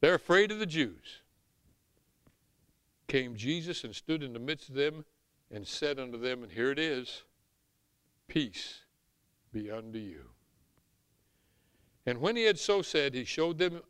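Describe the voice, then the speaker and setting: Bright, forceful Southern preacher man. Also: fairly high pitch, expressive, normal speed, smooth, no room sound. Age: middle-aged or older. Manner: emphatic, folksy, swinging from hushed asides to shouts. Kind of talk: animated sermon with scripture reading.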